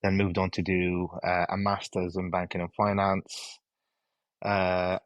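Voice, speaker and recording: A man in his thirties from Iraq, a guest chatting in a friendly, relaxed way from home over a video call. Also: sits low, dry recording. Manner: relaxed, friendly, laughs easily. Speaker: guest, dental implant company representative. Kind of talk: casual interview chat.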